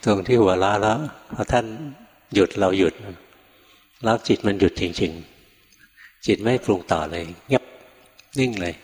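An older male monk giving a Dharma talk, telling a story in a relaxed way, acting out quoted lines and chuckling now and then. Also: lowish voice, a little slow, long pauses. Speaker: Buddhist monk teacher. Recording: long reverb from a hall.

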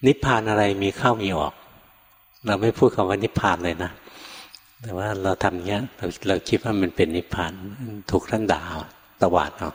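An older male monk giving a Dharma talk, telling a story in a relaxed way, acting out quoted lines and chuckling now and then. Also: low-pitched, brisk. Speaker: Buddhist monk teacher. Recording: long reverb from a hall.

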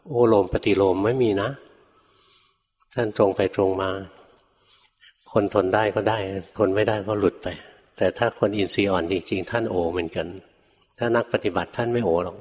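An older man, a Buddhist monk, telling stories in a dharma talk and acting out his teachers' sharp rebukes. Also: on the low side. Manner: animated storyteller, acts out his teachers' rebukes, chuckles often. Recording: long hall reverb.

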